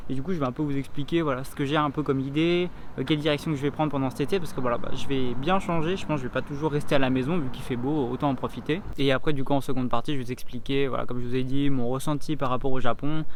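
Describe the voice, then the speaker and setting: A man's voice: medium pitch, fairly even intonation, very fast, hardly any pauses, slight background noise. A young man chats casually to camera as a vlogger, improvising and often stumbling as he searches for words. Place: outdoors, walking and in a park.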